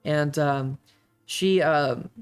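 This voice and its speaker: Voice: medium pitch, drawn-out words, clear, resonant tone, soft background music. Hesitant game master narrating. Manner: hesitant, full of fillers.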